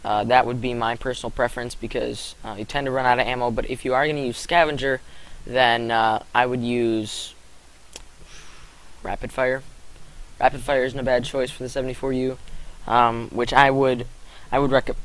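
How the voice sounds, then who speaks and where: A man's voice: mid-range voice, little pitch movement, normal speed, low-quality recording. Rambling young man commentating gameplay. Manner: rambling, filler-heavy, self-correcting. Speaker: gaming commentator.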